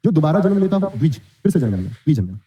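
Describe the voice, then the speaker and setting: Fast-talking male teacher. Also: a little high, sing-song, dark tone. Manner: quizzing, answers his own questions, reads student comments. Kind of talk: online exam-prep class. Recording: dull lo-fi sound.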